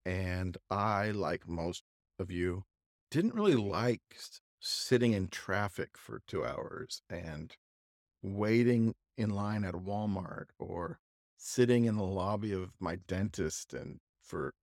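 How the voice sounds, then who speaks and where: A low-pitched man tells a long, rambling story on a podcast, stopping and restarting as he goes. His voice sounds close and dry, with no room around it. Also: lively intonation, no echo. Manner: rambling, halting anecdote with restarts. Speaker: podcast co-host. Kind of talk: casual storytelling chat.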